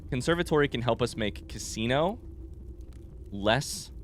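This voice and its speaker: Playing a game blind for his stream, a man rambles and thinks aloud informally, swearing mildly, his voice under the weather from sickness. He's mid-range and animated but a little slow, with slight background noise.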